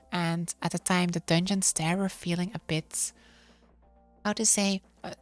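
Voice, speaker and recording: Female podcast streamer, non-native English, low register, playful casual storyteller, music underneath. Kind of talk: casual chat about online games. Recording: music behind the voice.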